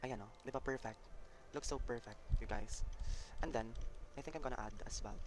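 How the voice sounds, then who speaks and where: A man with a Filipino accent giving excitable, dramatic live commentary while playing a dress-up game. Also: mid-range voice, brisk, slight background noise. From Philippines. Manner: excitable and dramatic, mixes English and Tagalog. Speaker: gaming content creator.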